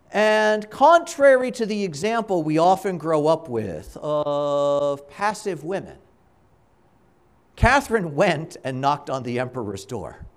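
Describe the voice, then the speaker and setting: A man speaking as a priest at Mass, reading and preaching in a measured, deliberate way with dramatic pauses between short phrases. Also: high voice. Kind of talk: Gospel reading and homily at Mass.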